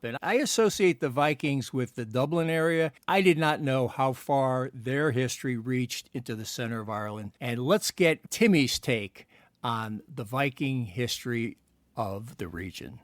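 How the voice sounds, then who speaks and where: A man with a mid-pitched voice hosts a travel interview. He speaks like a presenter, framing each question before he hands it over, in a dry, close sound. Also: dry recording. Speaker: interviewer and host.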